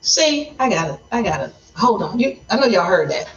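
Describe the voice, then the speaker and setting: Through a distant phone mic in a roomy space, a woman's mid-range, very animated voice comes across muffled. She's hosting a livestream and offering commentary, lecturing emphatically to make her point and speeding up or slowing down for emphasis.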